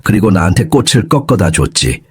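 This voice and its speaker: A man voicing a grieving young man who is a gentle elder brother, in an audio story, with a husky voice. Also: sits low, lively intonation, brisk, dry recording, clean studio sound, full character voice. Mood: tender.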